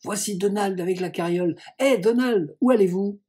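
A man's voice: on the high side, moderate pace, warm tone, slightly rough. A man reading an eager teenage boy. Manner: eager, pleading. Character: lively teenage boy, impulsive and affectionate.

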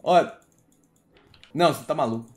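A young man with a Brazilian Portuguese accent in casual gaming chat with friends, joking and bossing the crew around in quick banter. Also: a little high, darkish tone. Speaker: streamer playing with friends.

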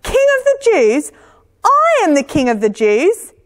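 A woman voicing a jealous, scheming king in a story told for children, bursting out in indignant shouts. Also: mid-range voice, sing-song, normal speed. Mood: outraged. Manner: indignant, loud outbursts. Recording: echoey church hall.

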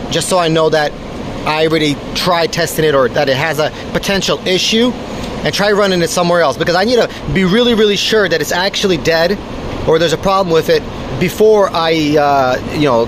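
A man who operates a mining farm, his voice fairly high in pitch, walks through a large indoor server room with his phone held in one hand to film. He casually thinks aloud and explains hardware trouble as he checks the machines. Loud fans and air conditioning drone in the background.

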